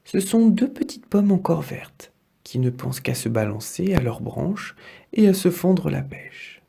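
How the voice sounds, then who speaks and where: Slow, gravelly male storyteller. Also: a little high, very animated, dark tone. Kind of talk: children's story read aloud.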